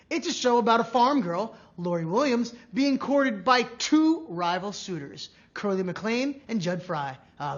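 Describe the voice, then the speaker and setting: A man's voice: very high-pitched, a bit bright, dull audio. A man hosting a live trivia game show, with jokey, playful asides.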